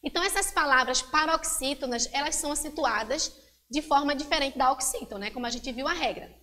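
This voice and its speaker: Brazilian woman, teacher, high voice, patient explaining, slows on example words. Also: a bit bright. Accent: Brazilian Portuguese. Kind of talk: classroom grammar lesson for children.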